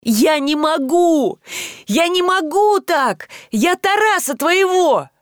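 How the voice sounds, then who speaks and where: A woman voicing a very drunk teenage boy who yells slowly, full of guilt and despair. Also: very high-pitched, lively intonation, no room sound, studio quality, pitched above the performer's own voice, heavily acted. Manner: slow, slurred yelling.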